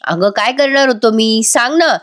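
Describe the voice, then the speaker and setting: A woman voicing an arrogant, rude young man who shouts and blames others. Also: fairly high pitch, moderate pace, voice pushed up, natural voice. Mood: shouting. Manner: shouting, insolent.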